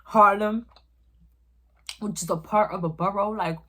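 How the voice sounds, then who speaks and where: A woman's voice: mid-range voice, fairly even intonation, measured pace, fairly bright tone. A young woman, telling a profane, emphatic story in casual chat as she eats. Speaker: vlogger. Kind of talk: casual storytime while eating.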